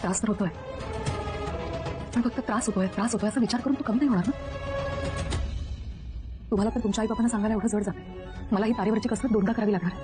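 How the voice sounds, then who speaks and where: An actress playing a calm young married woman in a television serial, speaking softly and reassuringly. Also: mid-range voice, fast, pauses often, natural voice. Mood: gentle. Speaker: serial character. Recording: distant TV clip with background music. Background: background score.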